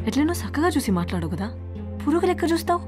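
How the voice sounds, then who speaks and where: An actress playing a sharp-tongued young village woman with a Telangana accent, speaking in blunt, defiant retorts in a film drama. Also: sits high, sing-song, fast, over music. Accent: Telangana Telugu. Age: young adult.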